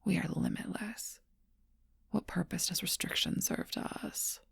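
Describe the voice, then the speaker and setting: A woman gives voice to a seductive, ageless vampire, murmuring in a gravelly, low, breathy whisper right against the microphone. Her steady tone hardly moves, sustaining a slow, teasing, possessive closeness like a storybook creature in ASMR role-play. It's heavily acted, with no room sound.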